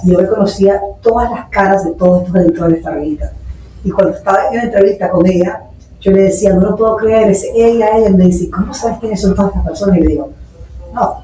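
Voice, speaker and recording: Medium-pitched and mellow, the voice belongs to a Nicaraguan entrepreneur in her forties who earnestly shares anecdotes in a podcast interview, dropping in English terms. The recording has a little hiss or hum, an echoey room, and a distant mic.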